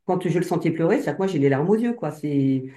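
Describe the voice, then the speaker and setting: A woman's voice: deep voice, lively intonation, a little fast, mellow. A woman telling her own experience casually as a hypnosis client, hesitant, with many fillers and restarts. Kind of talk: casual personal account. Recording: roomy echo.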